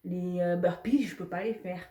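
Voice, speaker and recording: Talking to her camera at home, this young vlogger keeps things casual, laughs frequently, and uses mild swearing. She has a warm, lowish, steady voice at a moderate speed, and the home recording sounds echoey and roomy.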